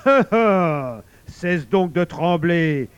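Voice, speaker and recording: Storybook villain: a sly, greedy wolf, rough and jeering, loud and raised; a man acts him out. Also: a little high, animated, slow, no echo. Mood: boisterous, mocking. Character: sly boastful male werewolf, hungry and mocking. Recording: dull lo-fi recording.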